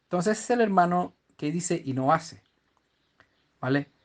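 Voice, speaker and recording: A man's voice: sits high, animated, measured pace. A man from teaching scripture in a conversational way, often stopping to check that his listeners follow and restarting his sentences. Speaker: Bible teacher.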